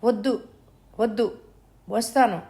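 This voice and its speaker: A woman's voice: normal speed, a little mellow, close to an everyday voice. A woman doing a frantic frightened mother. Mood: panicked. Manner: anxious, high and pleading. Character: frightened mother pleading for her daughter.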